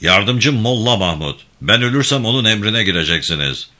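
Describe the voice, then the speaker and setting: A man voicing a stern, commanding male militia band leader who gives hushed orders. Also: on the low side, expressive, moderate pace, voice pushed up.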